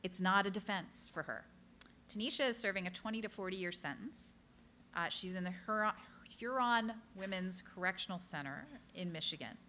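A woman author speaking to a live audience, telling true cases in an earnest, direct way and dropping in quick apologetic asides. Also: mid-range voice, bright, forceful tone, slight background noise. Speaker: author giving a book talk. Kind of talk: public talk to a live audience.

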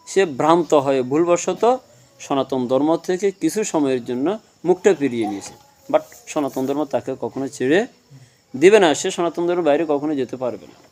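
A man's voice: a little high, animated, normal speed, darkish tone. A man giving a devotional talk, asking his listeners questions and answering them himself, explaining with everyday examples. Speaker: religious speaker.

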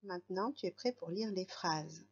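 A woman with a lowish voice teaches a young child to read at a moderate pace, patiently spelling out letters and sounds. The highs in the audio are cut off.

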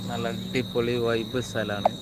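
A man's voice: medium pitch, level tone, unhurried. A man with a Malabar Malayalam accent chatting informally and directly to viewers on a casual live stream. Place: outdoors at a roadside hill viewpoint. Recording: very noisy outdoor recording, insects, vehicles.

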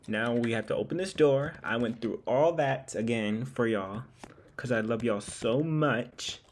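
A man's voice: medium pitch, a little slow. A man chatting casually through a mystery game as a gaming YouTuber, repeating himself as he plays. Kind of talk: casual gameplay commentary.

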